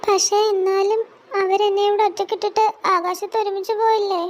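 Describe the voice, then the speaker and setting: A woman's voice: very high voice, little pitch movement, a little fast. A woman doing a timid, tearful little orphan boy. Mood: forlorn. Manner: small, hesitant, pleading. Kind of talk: storybook voice acting.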